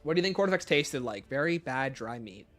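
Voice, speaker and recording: A livestream host with a medium-pitched male voice chats casually, reading viewer questions aloud and answering them offhand. He speaks in an animated, brisk way, with soft music playing in the background.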